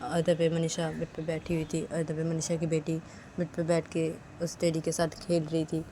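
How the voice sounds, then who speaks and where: A woman's voice: sits low, completely flat delivery, normal speed, warm tone, slight background noise. A woman narrating a domestic story in a plain, repetitive, casual way.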